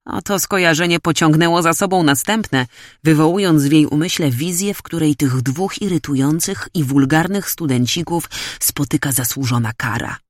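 A woman's voice: deep voice, moderate pace, no echo. Woman narrating an audiobook, dry sound. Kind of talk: scripted narration.

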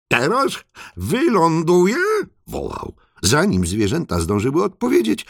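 Gravelly, very expressive male storyteller. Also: on the low side, no echo, studio quality. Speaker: audiobook narrator. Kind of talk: scripted children's story narration.

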